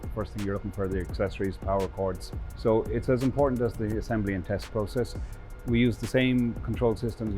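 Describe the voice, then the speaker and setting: A man's voice: fairly low pitch, darkish tone. A man, a process engineer explaining his work conversationally. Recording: background music under voice.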